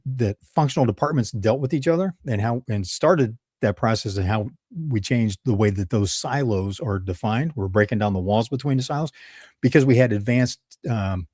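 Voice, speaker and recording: A man's voice: mid-range voice, darkish tone, dry recording, studio quality. A man with a Midwestern accent hosting a solo leadership advice talk, conversational and prone to digressions and self-corrections. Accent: Midwestern American. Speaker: leadership channel host.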